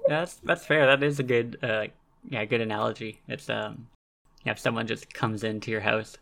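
A man co-hosting a casual podcast about a film, relaxed and hesitant, with many fillers. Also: mid-range voice, moderate pace, vocal fry. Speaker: podcast co-host. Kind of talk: casual movie discussion.

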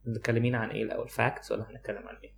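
Egyptian arabic accent guy hosting a podcast, talks fast, mixes in english, chatty. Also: mid-range voice, little pitch movement, vocal fry. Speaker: podcast co-host. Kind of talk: casual chat, mixing Arabic and English.

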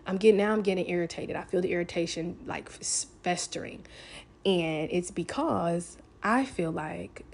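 A woman's voice: on the low side, normal speed, gravelly, slight background noise. A woman talking candidly to camera, telling a personal story in a casual, frank way, swearing freely and filling with "like".

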